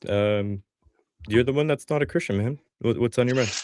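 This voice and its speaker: A young adult man from Greece hosting a casual debate stream, talking fast and heated, cutting in over the other person. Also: medium pitch, a little mellow. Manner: quick, heated, interrupting.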